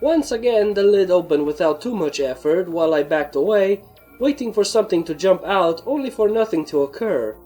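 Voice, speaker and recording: A woman narrating a fan story in the first person, with a steady, plain reading. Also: fairly low pitch, normal speed, soft background music. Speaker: fanfic reader.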